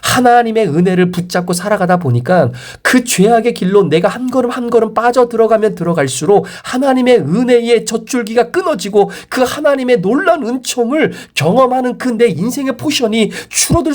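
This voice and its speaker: A man's voice: very high-pitched, lively intonation, brisk, few pauses, darkish tone. A male pastor giving a morning devotional sermon that ends in prayer, talking emphatically with rising and falling emphasis.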